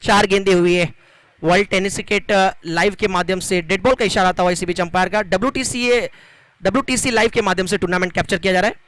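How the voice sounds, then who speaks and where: High-pitched man commentating on cricket. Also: fairly bright tone. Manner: dramatic, flowery phrasing with drawn-out emphasis. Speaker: cricket commentator and match announcer.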